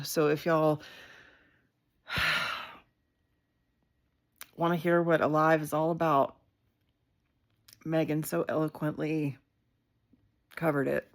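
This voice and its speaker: A woman hosting a casual live video, speaking in a heartfelt, candid way with frequent fillers and the odd swear word. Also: low-pitched. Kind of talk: casual livestream talk.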